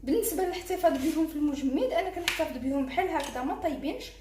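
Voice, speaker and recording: A woman's voice: high voice, very fast, reverberant, background noise. A woman with a Moroccan Arabic accent hosting a cooking tutorial, talking viewers through each fold as she works. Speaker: cooking channel host.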